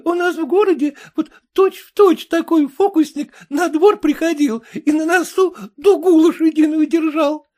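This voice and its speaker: A man's voice: extremely high pitch, normal speed, darkish tone, pitched above the performer's own voice. A man reading aloud, voicing a cheerful, talkative peasant wet-nurse with a folksy manner. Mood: chatty. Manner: chatty, giggly, folksy.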